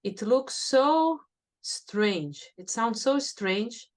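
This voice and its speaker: A Brazilian woman with a Brazilian Portuguese accent speaks extremely slowly in a slightly high, expressive voice. She's a professor appearing as a guest in a conversational interview, reflective and thoughtful, often filling pauses with "you know".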